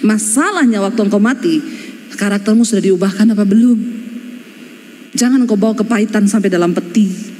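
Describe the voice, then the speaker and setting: A woman pastor delivers a lively sermon in with a lilt. She is emphatic and earnest, with flashes of down-to-earth humor. Her voice rings out with a long reverb tail, as in a large church hall. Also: mid-range voice, fairly quick, pauses often.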